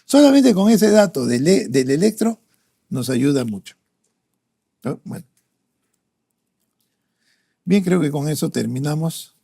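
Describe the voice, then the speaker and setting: A male doctor, Peruvian Spanish accent, teaches a pediatric cardiology review for exams, reasoning aloud with many "¿no?" and "este" fillers. His slightly high voice is sing-song, warm, creaky and a bit rough; he speaks a little slowly, leaving long pauses.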